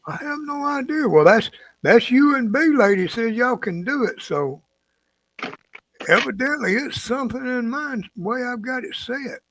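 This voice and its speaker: A man's voice: very high-pitched, expressive, moderate pace, a bit bright, no echo, poor audio. A man, chatting casually on a live stream in a folksy, drawling way. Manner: muttering to himself while clicking through settings.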